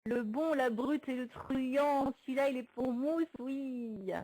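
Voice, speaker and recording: A woman's voice: sits high, slow pace, warm tone, poor audio. A woman hosting a casual livestream about films, chatty and hesitant with many fillers, laughing often and answering viewer comments. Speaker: streamer hosting a movie chat.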